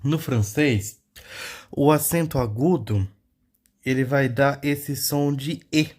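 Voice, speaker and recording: A man's voice: mid-range voice, slow pace, darkish tone. A young man giving a casual pronunciation lesson, explaining step by step and often checking in with his listeners. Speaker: language teacher.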